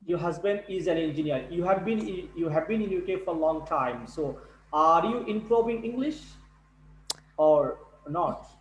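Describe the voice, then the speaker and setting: High-voiced male tutor, echoey call. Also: animated, a little hiss or hum. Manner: halting, repeats words, non-native English. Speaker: English test tutor. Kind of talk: online speaking class. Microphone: video call.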